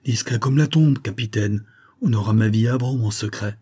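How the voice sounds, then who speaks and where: A man voicing a clever, loyal peasant boy, speaking earnestly in a hushed way. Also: on the low side, normal speed, breathy edge.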